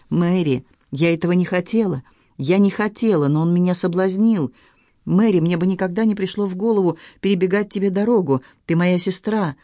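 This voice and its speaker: A man's voice: fairly high pitch, darkish tone, dry recording, studio quality, lightly acted. A man voicing a tearful, guilt-ridden young woman confessing in an audiobook. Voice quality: pleading, sobbing delivery.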